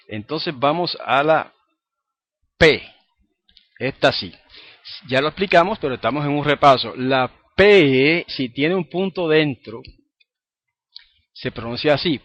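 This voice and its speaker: A man teaching a recorded lesson, explaining patiently and often checking in with the listener. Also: medium pitch. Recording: dry, dull lo-fi recording.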